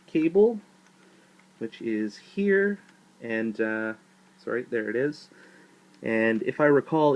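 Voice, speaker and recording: A man's voice: medium pitch, dull audio. Casual man rambling through a repair. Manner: rambling, many "uh" and "um" fillers. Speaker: hobbyist showing a console repair. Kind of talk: casual show-and-tell.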